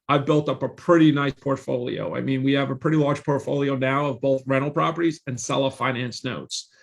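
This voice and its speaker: A creaky, medium-pitched voice belongs to a real estate investor in his forties who is guesting on a podcast. He tells the story of his career confidently, in a salesy style, hammering points home through repetition.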